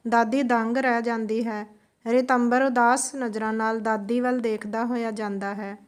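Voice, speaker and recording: A woman teacher, reading a play's stage directions aloud to a class in a plain, even way. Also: on the high side, moderate pace.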